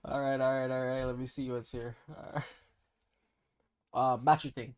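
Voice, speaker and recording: Young male, Toronto accent. Casual host, slangy, teasing banter at a middle pitch. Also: flat delivery, normal speed, clean tone. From Toronto, Canada. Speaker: host quizzing his cousin on slang.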